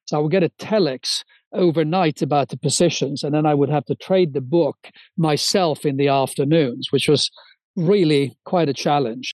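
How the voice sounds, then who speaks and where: Raised in Sweden and now in his sixties, this interview guest tells the story of his career at normal speed, eager and fluent despite small restarts. His voice sits fairly high for a man yet has a darkish tone, captured close in a dry recording.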